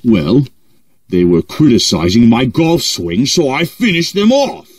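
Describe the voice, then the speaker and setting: A man voicing a cold, cruel masked space villain who speaks in slow, flat, imperious threats. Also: medium pitch, slightly rough, dry recording, heavily acted. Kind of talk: comedy impression sketch.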